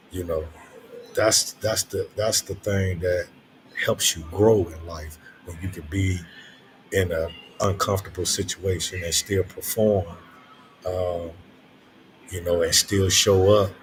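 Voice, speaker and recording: Older man, low-pitched voice, reflective casual late-night talk, halting and repetitive, faint background noise. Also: rough recording. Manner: reflective, halting, repeats phrases for emphasis.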